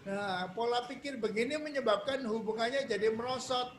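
Male retreat speaker, high voice, chatty and repetitive, echoey room. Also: normal speed, slight background noise. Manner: repetitive, conversational, acts out quoted dialogue. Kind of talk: marriage seminar talk. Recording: echoey room with faint ambience.

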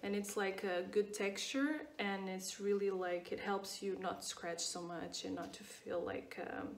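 In a steady, mid-range voice and at a slightly slow pace, a 29-year-old Portuguese woman casually reviews the products in her skincare routine. She speaks English with a Portuguese accent, repeating words and using lots of fillers. The distant mic leaves her off-mic in an echoey room.

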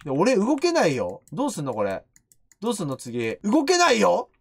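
A man's voice: high voice, wildly swooping pitch, vocal fry, no echo. A man doing jumpy, teasing commentary on a horror game he is streaming. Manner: jumpy, loud, teasing, quick to shriek. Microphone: studio microphone.

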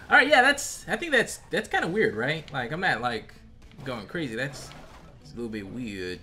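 Animated American man doing gameplay commentary. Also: medium pitch, normal speed. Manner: animated, slangy. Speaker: gaming video host. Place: indoor room at home, facecam. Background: game music.

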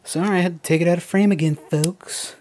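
A man's voice: high-pitched, fairly even intonation, fairly quick, a little mellow, no echo. A man chatting casually to viewers as he builds a toy kit, joking at his own expense and calling them folks. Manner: chatty, self-mocking, talks to viewers as folks. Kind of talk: casual unscripted build commentary.

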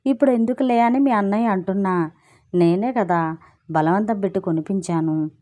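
A woman doing a gossipy, self-justifying wife from a spoken storybook, breezy and wry as she complains. The voice is mellow and soft-edged, set at a middle pitch. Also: normal speed, close to an everyday voice. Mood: complaining.

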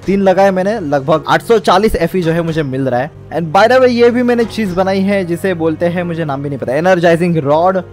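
A man's voice: sits high, brisk, hardly any pauses, soft background music. Young male gamer narrating gameplay. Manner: explains step by step, mixes English words into speech. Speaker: gaming channel host. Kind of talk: casual gameplay commentary.

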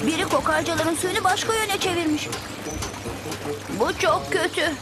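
A woman's voice: very high-pitched, normal speed. A woman dubbing a cautious, sensible young girl in a cartoon, with an earnest, worried manner. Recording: dubbed cartoon with loud music.

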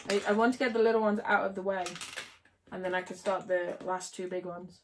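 A woman's voice: medium pitch, fairly even intonation, brisk. A woman livestreaming casually, chatting and giggling with viewers while she builds. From United Kingdom.

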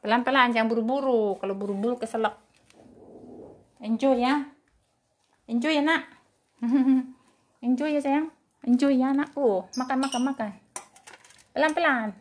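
Lady chatting to her dogs at feeding time, higher voice, singsongy and fond. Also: measured pace, long pauses, a little hiss or hum. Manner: coos and scolds her dogs in a singsong, affectionate voice. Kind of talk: casual vlog talk to pets.

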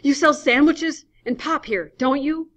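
A woman's voice: sits high, a little slow, voice pushed up. A woman voicing a frightened young man who pleads in a panic, on a dull lo-fi recording. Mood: pleading. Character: frightened young male driver.

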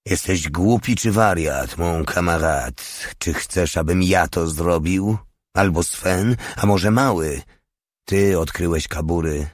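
A man's voice: low-pitched, slow, no room sound, clean studio sound. A man doing a cold, hardened legionnaire. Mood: cool. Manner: calm, matter-of-fact, coldly practical. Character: cool, hardened male legionnaire.

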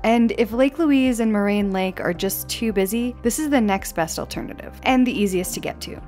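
A woman's voice: a little high, normal speed, darkish tone, faint music behind. Young woman narrating a travel guide. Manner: upbeat, descriptive voice-over. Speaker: travel vlogger. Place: outdoors at a mountain lookout for on-camera parts.

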